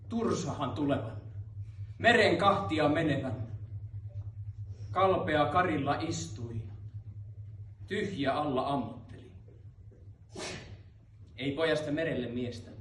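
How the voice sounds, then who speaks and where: A man's voice: a little high, fairly bright tone, slight background noise. A man performing rhythmic, chanted runic verse at a live cultural venue. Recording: roomy hall, mic far off.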